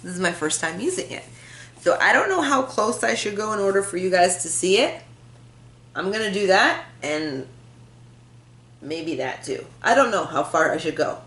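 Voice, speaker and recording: A woman's voice: mid-range voice, big pitch swings, moderate pace, fairly bright tone. Chatty woman vlogging in an echoey room. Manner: chatty, self-deprecating, laughs often, swears casually. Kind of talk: casual rambling chat to camera. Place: room at home. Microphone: built-in camera mic.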